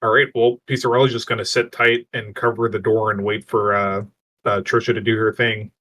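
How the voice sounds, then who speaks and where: A man's voice: lowish voice, little pitch movement, brisk, sharp tone. A man who is a player in a tabletop game, trading joking asides with the table. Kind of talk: casual tabletop game chat.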